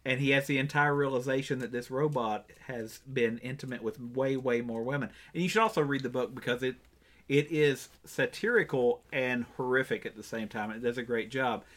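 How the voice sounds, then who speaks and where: Bright-voiced man chatting enthusiastically. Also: mid-range voice, a little fast. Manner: enthusiastic, rambling with restarts. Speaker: podcast co-host. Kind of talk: casual chat.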